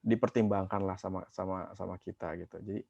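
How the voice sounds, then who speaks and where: A man's voice: low voice, steady tone, quick pace, creaky, darkish tone, breathy edge, dry recording. A man speaking as a psychologist in a webinar, explaining in a conversational way with rhetorical questions and frequent fillers. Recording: dull dry webinar audio.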